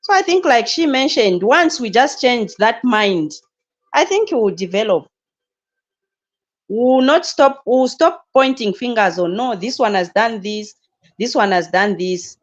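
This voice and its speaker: A woman's voice: on the high side, lively intonation, measured pace, dull audio. A woman on a podcast panel who speaks hesitantly, searching for her words. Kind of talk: podcast discussion.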